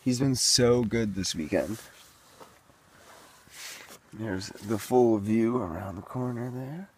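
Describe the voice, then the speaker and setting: A man's voice: lowish voice, slow, slight background noise. A young man narrating a casual hiking vlog to a handheld camera, chatty and easygoing as he points things out on the trail and at camp. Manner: easygoing, chatty, shows things to the viewer as he goes. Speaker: hiking vlogger. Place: outdoors on forest trails and at a campsite.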